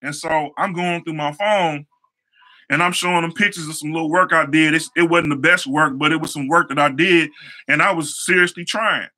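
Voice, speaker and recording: High, bright-voiced man telling stories. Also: fairly even intonation, normal speed. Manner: conversational, repeats phrases, casual slang. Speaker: show host, hair stylist. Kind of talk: casual motivational storytelling.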